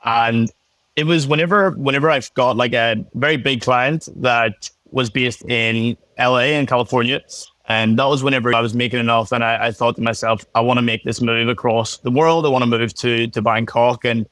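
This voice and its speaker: A young man with a strong Belfast accent talks in a relaxed, chatty way, full of little fillers and restarts. His voice sits at an ordinary pitch and sounds dry and close. He comes across as a casual podcast guest on a video call. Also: moderate pace, no echo. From Northern Ireland. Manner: laid-back, chatty, many fillers and restarts. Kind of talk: casual interview chat.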